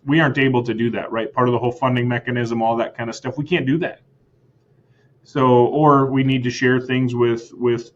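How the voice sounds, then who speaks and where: An American man speaks as a school superintendent in a podcast interview. His voice sits at a middle pitch, and the audio sounds slightly dull. He talks earnestly, restating his points and checking in with "right?". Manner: earnest, repeats words, tags lines with "right?".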